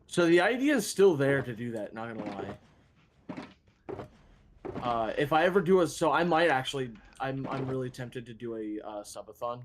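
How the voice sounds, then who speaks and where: A man's voice: medium pitch, big pitch swings, normal speed, slight background noise. A man streaming a game and chatting casually, rambling with frequent restarts and self-deprecating asides. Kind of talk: casual chat while gaming.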